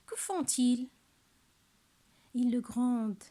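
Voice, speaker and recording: A woman teaching young pupils a lesson, speaking slowly and carefully and repeating each word twice. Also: a little high, animated, dark tone.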